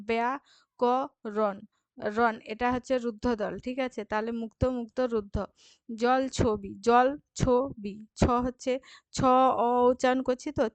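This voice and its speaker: A woman's voice: on the high side, dry recording. A woman teacher with a Bengali accent, reading workbook questions and answering them, drawing words out syllable by syllable.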